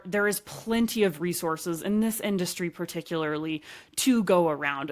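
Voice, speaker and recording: A woman with an Arkansas accent speaks in a conversational interview style. Her voice sits a little on the low side, and she talks as a podcast guest would. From Arkansas, United States. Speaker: podcast guest, author and running journalist.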